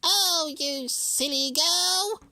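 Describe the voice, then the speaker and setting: A man reading a storybook aloud and voicing a wicked old witch who draws out her words in a shrill screech. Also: sharp tone, dry recording, full character voice. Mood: mocking. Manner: screeching, drawn-out and slow.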